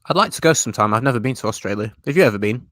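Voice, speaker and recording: A Yorkshire man with a Yorkshire English accent hosts a casual live-stream, reading viewer comments aloud and responding to them in a chatty way. His medium-pitched, slightly bright voice races along with lively intonation, captured in studio quality without echo.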